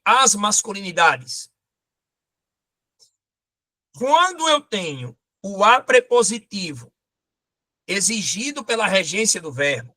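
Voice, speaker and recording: A man teaching a lively exam-prep grammar lesson, pointing things out as he goes. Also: high-pitched.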